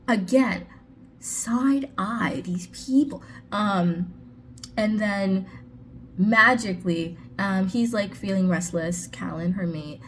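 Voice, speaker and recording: A woman's voice: medium pitch, a little hiss or hum. A woman casually reviewing a book on her vlog, talking in a chatty way with sarcastic asides.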